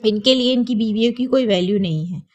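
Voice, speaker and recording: A woman voicing a timid young sister-in-law who speaks in a quiet, resigned way. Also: fairly high pitch, brisk, highs cut off, natural voice.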